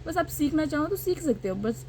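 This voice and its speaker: A woman's voice: sits high, animated, a little fast, darkish tone, slight background noise. Young woman with a Northeast Indian Hindi accent. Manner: heated, repeats words for emphasis. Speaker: vlogger. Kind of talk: personal storytelling vlog.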